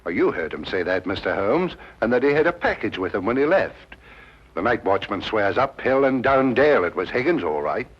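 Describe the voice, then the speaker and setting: A blunt police inspector, low husky voice, dull old tv sound. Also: male voice, very animated, a little fast. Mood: dismissive. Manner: blunt, dismissive. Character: gruff, self-assured male police inspector. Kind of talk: 1950s TV drama acting.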